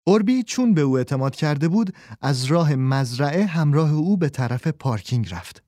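A man narrating a children's audiobook in an expressive storytelling manner. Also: fairly high pitch, dry recording, clean studio sound. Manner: expressive storyteller voicing all characters.

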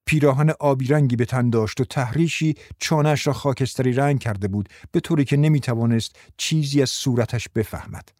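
Guy narrating an audiobook, even and measured, dry recording. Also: medium pitch, no room sound.

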